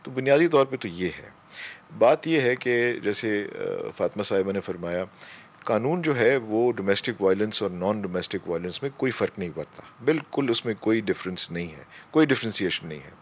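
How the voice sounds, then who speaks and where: Male police officer, talk show guest, lowish husky voice, halting. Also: expressive. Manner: measured, halting with pauses.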